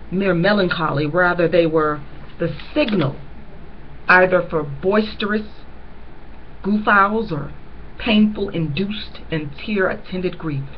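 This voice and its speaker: Her voice sits on the low side, and the recording has its highs cut off plus slight hiss or hum. She reads a novel chapter by chapter and earnestly pauses every so often to stress important lines for listeners, adding commentary of her own.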